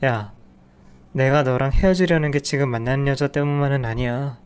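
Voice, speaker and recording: A man's voice: mid-range voice, moderate pace, smooth, close to an everyday voice. A man voicing a harsh, dismissive husband who scorns his wife in a narrated audio drama. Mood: contemptuous. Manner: contemptuous, curt.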